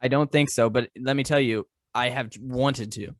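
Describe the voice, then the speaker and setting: A man's voice: mid-range voice, fairly even intonation, normal speed, dry recording, clean studio sound. A young adult man co-hosting a podcast in casual chat, laid-back, swearing casually and laughing often. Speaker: podcast co-host.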